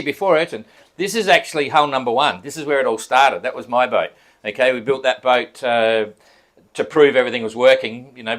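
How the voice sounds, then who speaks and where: A man hosts a prize-giving at a sailing academy, talking in a relaxed, chatty way and laughing now and then. His voice sits at an ordinary middle pitch. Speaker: event organizer and host. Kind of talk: casual prize-giving speech. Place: event venue at a sailing academy.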